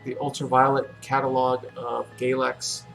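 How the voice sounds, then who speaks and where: A man hosting a casual livestream, thinking aloud in a relaxed, musing way with many fillers. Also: medium pitch, moderate pace, vocal fry, soft background music, low-quality recording. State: relaxed and yawning. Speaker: livestream host.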